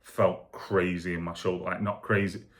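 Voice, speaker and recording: A man speaking candidly and casually in a rambling video diary, foggy and low on energy after surgery. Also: flat delivery, moderate pace. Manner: rambling, candid, matter-of-fact. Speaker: vlogger recovering from shoulder surgery.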